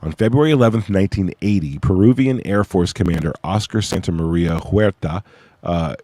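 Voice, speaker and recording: Low-pitched man with whistling s sounds. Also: brisk, warm tone, no echo. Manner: informal, slangy, hesitant. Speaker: livestream host presenting own research project. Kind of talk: casual livestream chat with read-aloud case notes.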